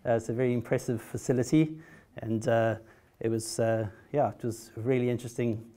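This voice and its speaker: A middle-aged South African man with a South African accent gives a hesitant conference talk as a patient speaker, full of fillers and restarts, with wry humor. His mid-range voice is steady and mellow, and he speaks fairly quickly.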